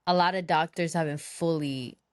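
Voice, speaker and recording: A woman's voice: sits low, steady tone, moderate pace, no room sound, studio quality. A young woman co-hosting a podcast, blunt and teasing, swearing casually. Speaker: podcast co-host. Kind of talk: casual chat.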